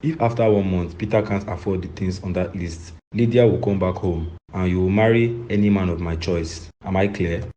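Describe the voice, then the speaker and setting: Man doing a deep strict dad, calm n firm, little noise behind. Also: dull audio, close to an everyday voice. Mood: stern. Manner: measured, laying down conditions. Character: strict authoritative father.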